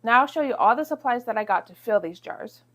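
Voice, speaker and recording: A young American woman vlogs from her home kitchen in a fairly high, expressive and fairly bright voice, speaking briskly despite sounding congested. It's a casual chat vlog: she talks to herself as she works, chatty and self-deprecating.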